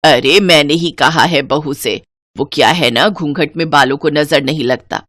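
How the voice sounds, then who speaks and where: A woman's voice: sits low, normal speed, fairly bright tone, no room sound, studio quality, pitched below the performer's own voice. A woman voicing a stern old-fashioned mother-in-law. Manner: scolding, commanding.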